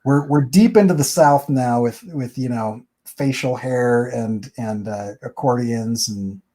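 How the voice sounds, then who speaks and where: A man's voice: mid-range voice, unhurried, dark tone. A man hosting a comic book review, chatting casually and rambling as he walks through the story page by page. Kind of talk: casual chat.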